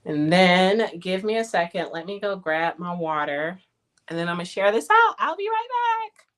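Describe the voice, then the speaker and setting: Lively chatty woman in her forties. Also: fairly low pitch, normal speed. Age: 40s. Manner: chatty, Southern-tinged "y'all" slang, laughs often. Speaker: livestream host. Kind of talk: casual livestream chat.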